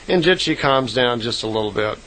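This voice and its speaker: A man of middle pitch telling a long story in a loose, rambling way. He fills gaps with "uh" and "I mean" and corrects himself as he goes. He sounds like a radio guest retelling at an easy, conversational pace. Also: lively intonation, a little fast, a bit bright, low-quality recording. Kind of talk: casual spoken storytelling.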